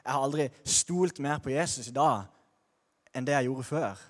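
A man's voice: medium pitch, in a large hall. A young man sharing a personal faith testimony in a candid, slangy way, with frequent restarts.

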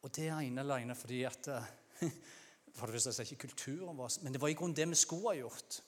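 Norwegian man preaching in a reverberant hall. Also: medium pitch. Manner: conversational preaching, acts out shouted cries. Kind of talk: sermon.

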